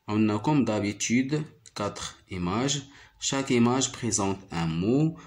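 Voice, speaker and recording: Slow, patient male phonics teacher. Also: on the low side, lively intonation. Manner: slow, patient, repeats each word and syllable. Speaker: primary school teacher. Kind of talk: phonics lesson.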